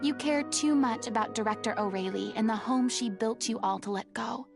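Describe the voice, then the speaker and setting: A woman's voice: a little high, moderate pace, vocal fry. A woman voicing a stern, commanding young woman in a video game, lecturing in a firm voice. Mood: earnest. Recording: game music underneath.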